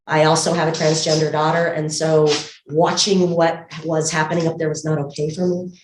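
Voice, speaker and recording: A low-pitched woman talks through a face mask, slightly muffled, in an echoey room. She gives an earnest, conversational campaign speech, picked up from some distance. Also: little pitch movement, moderate pace, background noise. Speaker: political candidate and pediatrician. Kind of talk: campaign introduction speech at a community meeting. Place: indoor community meeting room. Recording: echoey room, far from mic.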